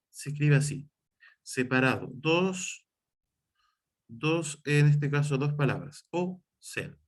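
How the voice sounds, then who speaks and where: Man teaching an online class, halting and explanatory. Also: a little high. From Chile. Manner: explanatory, with frequent fillers and self-corrections.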